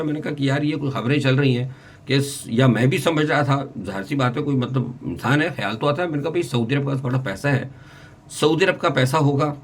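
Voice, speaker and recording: Man giving rambling political commentary. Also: mid-range voice. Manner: rambling, many restarts and asides, mixes in English words.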